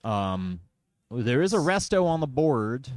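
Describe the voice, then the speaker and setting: A man's voice: medium pitch, big pitch swings, slow pace, crowd noise. Chatty man commentating a card game. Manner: chatty, wry and self-deprecating.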